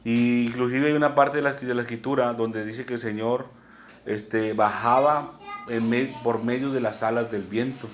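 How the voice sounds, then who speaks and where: Mexican male preacher, mid pitch, patient teaching sermon, faint noise under the voice. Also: fairly even intonation. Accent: Mexican Spanish. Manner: unhurried teaching tone, many "¿verdad?" asides, spells words out.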